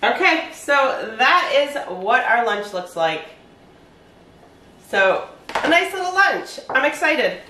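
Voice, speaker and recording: A woman's voice: high-pitched, big pitch swings, slow, bright, forceful tone, slight background noise. A woman in her forties chatting casually as she shows her meal prep step by step in her home kitchen. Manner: chatty, explains each step. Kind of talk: casual cooking demonstration. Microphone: far camera. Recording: echoey kitchen from a distance.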